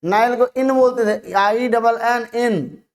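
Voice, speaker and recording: A teacher explains a chemistry lesson to students online, with a voice of middling pitch. Each question gets asked aloud and answered straight away. Terms are spelled out and repeated slowly so they stick.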